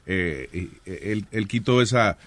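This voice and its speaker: A man's voice: lowish voice, takes it slowly. A man hosting a casual talk show, joking and mixing with English. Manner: joking, mixes Spanish and English, lively. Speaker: host.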